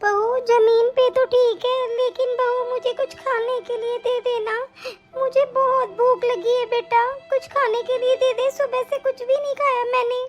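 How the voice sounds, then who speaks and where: A woman voicing a frail, hungry elderly grandmother in an animated story, speaking slowly, with a tearful, trembling voice, pleading with family and calling on God. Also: very high-pitched. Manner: slow, pleading, calls on God.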